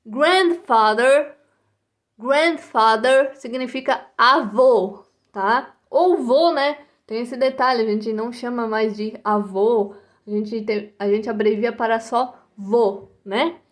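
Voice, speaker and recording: A woman's voice: fairly high pitch, slow. A Brazilian woman teaching English to young children, patiently repeating each word and ending almost every phrase with a checking "tá?" or "né?". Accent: Brazilian Portuguese. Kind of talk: recorded online English lesson for first graders.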